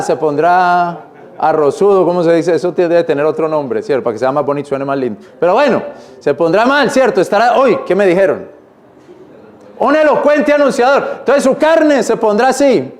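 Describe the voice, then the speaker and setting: A man preaching a sermon in church, reading scripture slowly and explaining it in plain, repetitive words. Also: on the high side, expressive, darkish tone. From Colombia. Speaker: pastor.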